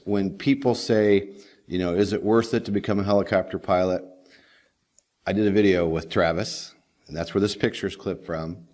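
Folksy rambling man, lowish voice. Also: a little mellow. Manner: folksy and rambling, with frequent "you know". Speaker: host of a daily helicopter training video series. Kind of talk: casual talking-head monologue.

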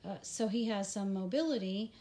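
A woman hosting a ministry video gives a personal devotional talk, slightly out of breath and speaking in a conversational, halting way full of fillers. Her voice is medium in pitch with a warm tone.

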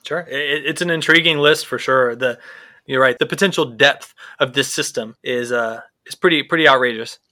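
Bright-voiced man hosting a podcast. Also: medium pitch, moderate pace. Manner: loose, filler-heavy talk with restarts. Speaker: podcast host. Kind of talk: casual podcast chat.

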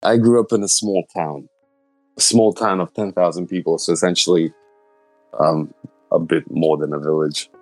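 A man, answering interview questions in a thoughtful, halting way. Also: sits low, fairly even intonation, darkish tone, no room sound, soft background music, rough recording. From Slovenia. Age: 30s. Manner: thoughtful, halting, searching for words. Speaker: interviewee, illustrator.

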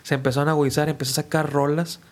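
A man, a musician guest casually telling stories in an animated, slangy way and acting out the people he quotes. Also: a little high, racing. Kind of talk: casual storytelling.

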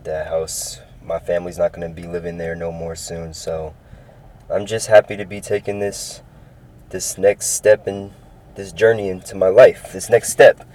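A man's voice: low-pitched, flat delivery, normal speed, a little mellow, a little hiss or hum, rough recording. A man in his early twenties, upbeat and rambling, talking through his own sports podcast and repeating himself. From California. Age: 20s. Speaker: podcast host. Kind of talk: casual solo sports podcast.

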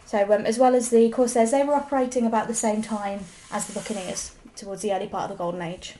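A woman's voice: mid-range voice, fairly even intonation, fast, mellow. A woman co-hosting a casual history podcast, explaining at length and correcting her co-host.

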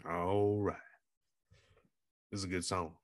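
A man with a deep, level voice speaks slowly in a dry, clean studio recording. Hosting his podcast solo, he rambles playfully, plugs the show, and offers motivational life advice in a casual, self-promoting monologue.

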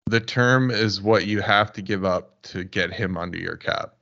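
Low-voiced man explaining casually. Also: moderate pace, creaky, bright, forceful tone. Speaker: podcast co-host. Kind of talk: casual hockey podcast chat. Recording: dull lo-fi sound.

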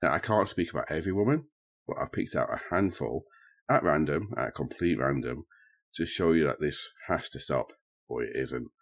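Male podcast host with an extremely low voice, earnest scripted storytelling delivery. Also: lively intonation, normal speed. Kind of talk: scripted true crime podcast narration.

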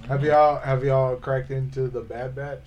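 A man's voice: medium pitch, flat delivery, measured pace, a little mellow. A man chatting casually with friends, reacting and asking things in slangy frat-bro style. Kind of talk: casual group chat with friends.

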